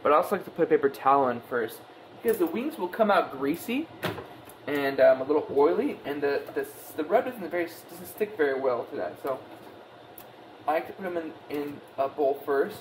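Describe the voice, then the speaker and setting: Recorded on the camera mic of a wide-angle camera set on the counter, this clip has background noise. A young man with a fairly high-pitched voice hosts a joking cooking tutorial at home, casually addressing the camera as he works.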